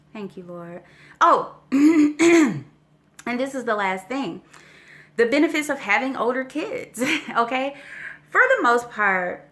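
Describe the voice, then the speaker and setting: A vlogger in her forties chats casually with viewers while telling a story, slightly winded and often checking in with "okay?" and "you know". Her voice is a little high, bright and forceful.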